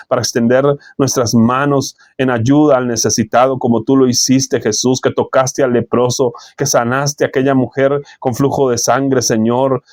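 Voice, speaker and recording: Guy leading a prayer, steady earnest phrasing, keeps saying lord between lines, dry close mic. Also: mid-range voice, no room sound. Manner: earnest, measured, repeats "Señor" between phrases. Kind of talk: spoken prayer.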